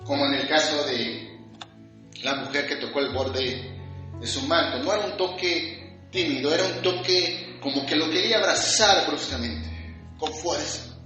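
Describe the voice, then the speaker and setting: A man's voice: on the high side, unhurried, bright, forceful tone, dull audio. A man preaching a fervent sermon, piling up repeated phrases and acting out short quoted exchanges. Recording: very echoey room with faint music.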